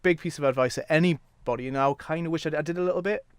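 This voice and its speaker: A man's voice: fairly high pitch, quick pace, clean tone, no room sound. A man with a North East English accent chatting casually as an interview guest, explaining things plainly step by step. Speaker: guest, wrestling promoter.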